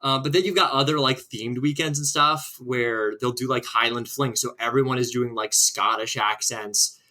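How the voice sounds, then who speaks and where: A man's voice: mid-range voice, fairly even intonation, moderate pace, pushed and bright. A man from Minnesota chatting casually as a podcast guest, rambling and friendly with lots of fillers.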